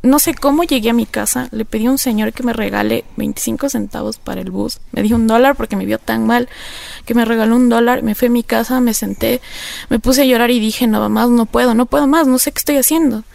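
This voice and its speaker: Woman, interview guest, earnest reflective testimony, gravelly fry, dry close sound. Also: on the high side, fairly even intonation, a little fast, a little mellow, dry recording. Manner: earnest, reflective, many filler phrases. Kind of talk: personal testimony in conversation.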